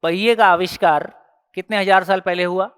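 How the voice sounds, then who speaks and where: A man leads a workshop session in a casual, conversational teaching style. His voice is smooth and resonant, and he keeps pressing the audience with rhetorical questions as he walks through everyday examples. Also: sits high, steady tone, normal speed, a bit bright, in a large hall. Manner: explains step by step with everyday examples.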